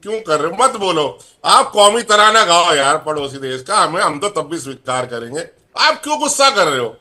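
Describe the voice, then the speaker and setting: Sarcastic high-voiced male panelist. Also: very animated, moderate pace, pushed and bright. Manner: sarcastic, talks over others. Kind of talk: heated TV debate.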